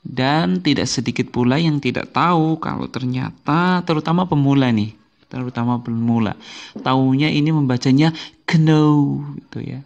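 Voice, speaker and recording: Male teacher, unhurried video lesson, patient and repetitive, mid-pitched voice. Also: creaky, highs cut off. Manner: patient, repeats each word slowly for learners. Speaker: English teacher. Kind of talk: slow explanatory video lesson.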